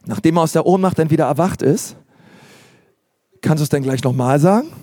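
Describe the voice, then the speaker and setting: Animated high-voiced man preaching. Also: a little fast, no room sound. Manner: animated, emphatic preaching with repetitions and acted asides. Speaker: pastor. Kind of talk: sermon.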